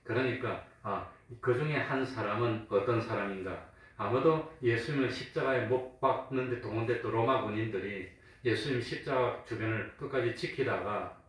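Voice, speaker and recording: A male pastor preaching a sermon in a church, asking his congregation questions and answering them himself, and sometimes acting out mocking voices. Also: on the low side. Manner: acts out the mockers in a raised, taunting voice. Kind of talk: sermon with call-and-response questions. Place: church sanctuary. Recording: very echoey room from a distance, faint hum.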